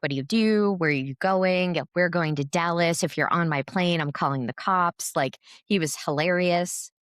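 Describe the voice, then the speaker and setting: Chatty, rambling low-voiced woman. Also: a bit bright, no room sound, clean studio sound. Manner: rambling storyteller, many fillers and restarts. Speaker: podcast co-host. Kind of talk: casual chat.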